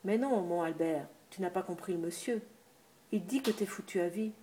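Woman playing a gossipy old innkeeper's wife, country talk, warm lowish voice. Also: normal speed, lightly acted. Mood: chatty. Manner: talkative, homely, familiar country speech.

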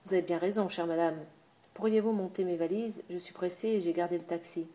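A woman voicing a reserved, polite man who speaks in a measured, formal way. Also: fairly low pitch, fairly even intonation, dark tone, lightly acted.

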